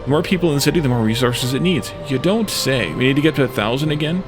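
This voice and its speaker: A man with a mid-range voice talks in rapid-fire bursts as a let's play host, giving casual video game commentary. He thinks aloud and muses to himself in short fragments while game music plays behind him.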